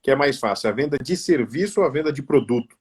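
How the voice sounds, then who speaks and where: A man hosting an interview, asking long, halting questions with repeated words. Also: medium pitch, animated, darkish tone, slightly rough. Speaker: host.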